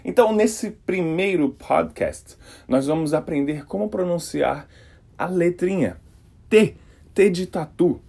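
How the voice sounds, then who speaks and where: A man from Brasília with a Brasília Portuguese accent, an English teacher giving an energetic podcast pronunciation lesson and acting out the sounds he teaches. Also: high voice, takes it slowly, vocal fry, slightly rough. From Brasília, Brazil. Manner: energetic, demonstrative, exaggerates sounds.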